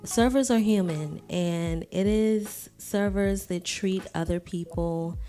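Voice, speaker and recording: A woman from Washington, D.C. talks through a casual podcast chat in a candid, frank way, swearing now and then. Her voice sits a little low and she takes her time. Faint music plays underneath. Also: slow, warm tone. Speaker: podcast co-host.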